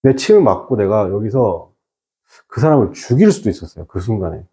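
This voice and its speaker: A man's voice: lowish voice, big pitch swings, brisk, warm tone. A man teaching an exam-prep English class, firing rhetorical questions and mixing in English terms. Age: 30s or older. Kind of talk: online lecture with an anecdote.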